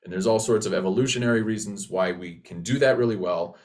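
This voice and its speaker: A man with a fairly low voice explains things as a voice teacher. His delivery is conversational and reassuring, with hesitant restarts as he works toward each point. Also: fast. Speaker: voice teacher, co-presenter.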